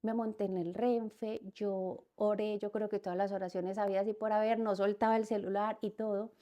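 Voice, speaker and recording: A woman's voice: medium pitch, little pitch movement, normal speed, dark tone. A woman, a podcast guest, telling a personal story, repeating phrases and acting out what people said. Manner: repeats words and phrases as she recounts events; acts out quoted speech within her story.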